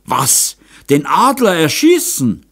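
A shrill, panicky old Bavarian gamekeeper. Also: male voice, big pitch swings, normal speed. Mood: aghast. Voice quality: shrill, frantic pleading.

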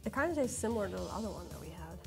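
A woman's voice: medium pitch, lively intonation, rapid-fire, gravelly, faint music behind. A woman co-hosting a casual unboxing chat, giggly and teasing. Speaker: co-host.

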